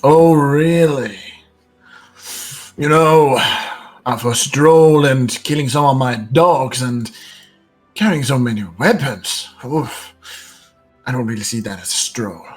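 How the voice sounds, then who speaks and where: A man's voice: mid-range voice, slow, pauses often, faint music behind. A man voicing a sly, grinning male bandit captor who mocks and threatens his prisoner. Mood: taunting. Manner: mocking, menacing taunts.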